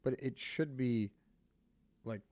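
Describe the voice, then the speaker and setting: A man from Armenia talks on a podcast in a blunt, opinionated way, swearing as he goes. His voice sits at an ordinary pitch. The recording is dry and close, with no room sound around him. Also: takes it slowly, a little mellow, no echo. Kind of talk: casual podcast chat.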